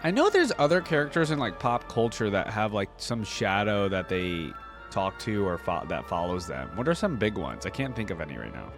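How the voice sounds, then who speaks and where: Over background music, a reaction video creator delivers casual commentary in a lowish, very animated voice at a moderate pace. He sounds enthusiastic and conversational, as though thinking out loud.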